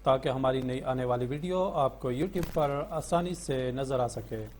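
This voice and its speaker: A male Quran teacher who hosts a channel, chanting letter-by-letter recitation slowly and explaining the rules in quick speech. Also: darkish tone. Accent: Pakistani Urdu. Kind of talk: Quran reading lesson with chanted spelling. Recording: low electrical hum.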